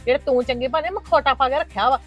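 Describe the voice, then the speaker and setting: High, rapid, indignant Punjabi woman. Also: soft background music. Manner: indignant, argumentative, protective of her children. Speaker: married daughter of the house in a family skit. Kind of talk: scripted family drama acting.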